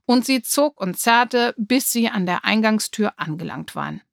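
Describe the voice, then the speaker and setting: A woman narrating a children's audiobook in a lively storytelling manner. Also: a little high, measured pace, creaky, no echo, clean studio sound.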